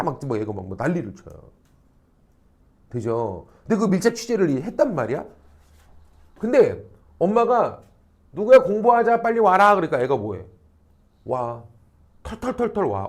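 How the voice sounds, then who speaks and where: A middle-aged man gives a high school social studies lecture in a classroom. His voice sits fairly high for a man and swings wildly up and down as he acts out quoted people. He keeps checking in with the class through rhetorical questions and drops salty slang. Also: wildly swooping pitch, normal speed, long pauses, a little mellow, breathy edge. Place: academy classroom.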